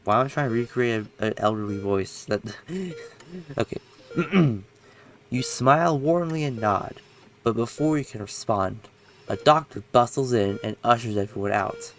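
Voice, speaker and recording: A young game streamer reads a story game's text aloud, breaking off into rambling commentary in which he corrects himself. His voice is mid-range and unhurried.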